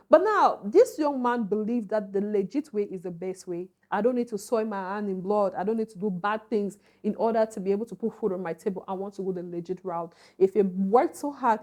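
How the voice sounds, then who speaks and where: Young woman, film reviewer: chatty, familiar, warm-toned and a touch high. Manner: chatty, addresses viewers as honey and baby, asks "are you getting?". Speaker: movie reviewer. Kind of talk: casual spoken film review.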